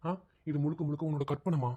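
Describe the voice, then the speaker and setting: This is a baffled, worried husband in an animated drama, voiced by a man. He talks quickly and keeps repeating anxious questions. His voice is dark and husky. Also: fairly high pitch, highs cut off. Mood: reasoning. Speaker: cartoon voice actor.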